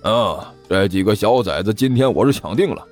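A low, sneering growl of a mean street robber boss, as a male storyteller puts him on. He snaps and scoffs with bursts of contempt, over faint background music. It is a storybook villain, impatient and cocky. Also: lively intonation, fairly quick. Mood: scornful. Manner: scornful, snappish, sneering.

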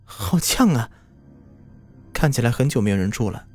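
A man's voice: mid-range voice, big pitch swings, normal speed, a little mellow. A man voicing a timid, weary young female office worker who asks nervous questions, over background music. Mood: puzzled.

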